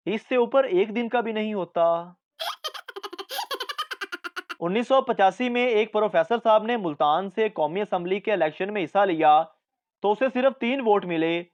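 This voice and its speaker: A man reading out a string of short jokes as the narrator, with a measured delivery of the punchlines. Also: high voice, lo-fi sound. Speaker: joke narrator.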